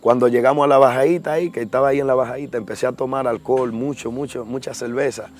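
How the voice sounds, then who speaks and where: A man's voice: medium pitch, fairly even intonation, fast talker, a little mellow. A young man giving an earnest personal testimony, acting out the voices in his story. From Dominican Republic.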